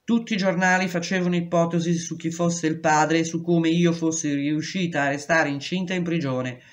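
A woman reading a memoir aloud in a steady, measured voice. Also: low-pitched. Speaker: reader.

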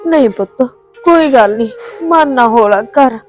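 A woman playing a loving old mother, high-voiced. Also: animated, moderate pace, soft background music. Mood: tearful. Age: older. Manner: tender, pleading, tearful. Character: elderly mother, loving and forgiving.

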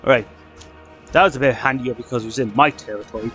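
A man with a headset, excitedly commentating his own shooter gameplay, swearing and shouting at the game. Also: medium pitch, fast, faint music behind. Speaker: gaming channel host.

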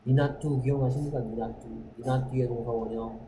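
A man teaching an English lesson to middle school students. He keeps checking that the class is following, and he reads the English sentences out slowly. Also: medium pitch, steady tone, roomy sound, noisy background. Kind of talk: classroom lecture.

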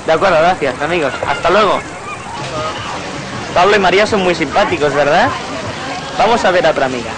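A young man in his twenties from Spain, speaking slowly and clearly as a language-lesson presenter outdoors on a beach. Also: on the high side, animated. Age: 20s. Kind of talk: slow scripted lesson talk. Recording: crowd and street noise outdoors.

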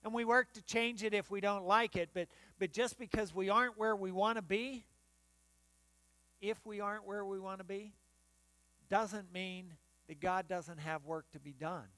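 Standing before the altar of a church sanctuary, an older pastor from the United States gestures as he preaches, frequently starting his phrases over. His voice sits fairly high for a man and comes across a bit bright. Recorded on a close mic, the sound is dry and clean with no echo, though a faint mains hum runs underneath.

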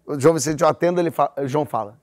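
A Brazilian man in his forties, hosting a talk show, narrates a funny mishap with lots of energy. His voice sits fairly high, and he slips in brief impressions of the people in the story. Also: rapid-fire. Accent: Brazilian Portuguese. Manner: animated anecdote telling with voiced characters. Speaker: host.

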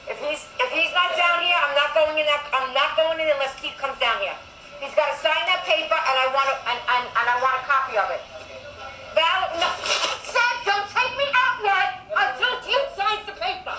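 A woman with a very high, bright voice rants in an agitated and demanding way, at times breaking into shouting. She is recorded on a phone at arm's length, so the sound is echoey, with faint noise behind her. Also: normal speed. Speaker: cruise passenger filming herself. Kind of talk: phone video rant. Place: indoors on a cruise ship.

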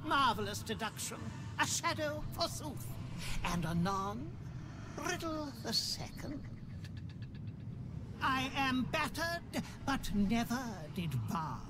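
High, swooping talking skull. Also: female voice, very animated, noisy background, heavily acted. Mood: delighted, riddling. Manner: theatrical, archaic, drawn-out delivery. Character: whimsical riddling talking skull speaking archaic English. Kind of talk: video game character acting.

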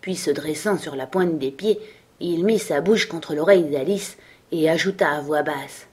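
A woman narrating a children's story in a calm, even reading voice. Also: low voice, moderate pace, slightly rough.

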